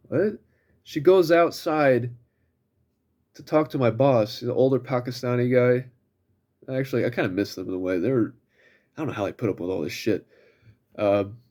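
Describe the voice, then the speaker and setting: A man's voice: lowish voice, a little mellow. Young man, casual storytelling, blunt and profane, mocking quoted voices. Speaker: vlogger.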